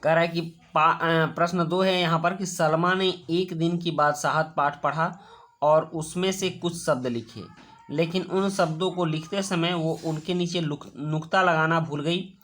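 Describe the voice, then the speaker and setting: A man's voice: on the high side, steady tone, a bit bright. Patient male teacher explaining a worksheet. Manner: patient, explaining step by step, repeating words slowly. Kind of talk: worksheet lesson for children.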